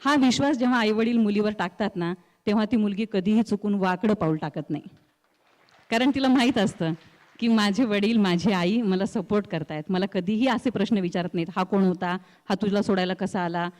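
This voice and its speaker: A middle-aged woman with a rural Marathwada Marathi accent, telling her story as an interview guest in an expressive way that acts out the voices she quotes. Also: mid-range voice, brisk, in a large hall. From Marathwada, India. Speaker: guest, news reader and anchor.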